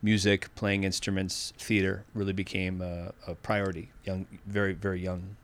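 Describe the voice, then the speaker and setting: Podcast guest, man in his fifties from Massachusetts, lowish voice, candid and reflective, restarts sentences mid-thought. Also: level tone, normal speed. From Massachusetts, USA. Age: 50s. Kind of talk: casual interview conversation.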